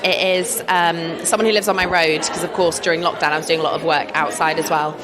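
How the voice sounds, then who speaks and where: Here the interviewed artist is a woman with an English accent, low-voiced and steady, talking a little fast. She discusses her work casually and enthusiastically with frequent laughter while crowd chatter fills the busy art fair around her.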